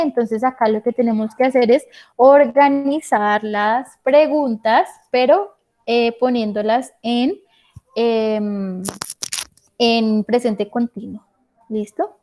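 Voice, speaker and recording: Woman, English teacher, patient online class, quizzes students, fairly high voice. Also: mellow. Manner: patient, checks understanding with questions.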